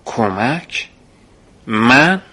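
A man's voice: medium pitch, pushed and bright, natural voice. A man voicing a startled young man who keeps asking surprised, eager questions.

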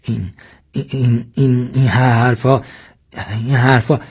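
Brief: male reader voicing a scared young man, stammering and pleading, husky, audiobook. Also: on the high side, a little mellow, voice pushed up.

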